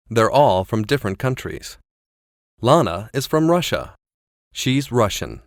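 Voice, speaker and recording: Lively, slow male lesson narrator. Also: mid-range voice, no room sound, studio quality. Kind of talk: scripted narration for a language lesson.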